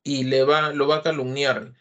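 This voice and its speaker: A man with a Peruvian Spanish accent gives an online literature lesson in a mid-pitched voice. He talks through each point patiently and keeps checking in with short tag questions. His speech is full of hesitation fillers. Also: level tone, normal speed, pushed and bright. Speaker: literature teacher. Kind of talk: online class lecture.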